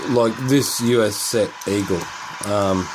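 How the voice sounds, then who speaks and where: Low-voiced man rambling through a gadget demo. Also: fairly even intonation, slow pace, background noise. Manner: rambling, swears often, thinks aloud. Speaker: lockpicking and electronics hobbyist. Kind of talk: casual demo narration. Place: indoor room at home.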